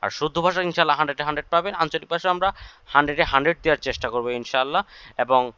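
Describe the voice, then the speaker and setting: Bright, crisp man explaining a class. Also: fairly high pitch, steady tone, rapid-fire, no echo. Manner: reassuring, explaining at length with fillers. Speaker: instructor. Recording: dry, dull lo-fi sound.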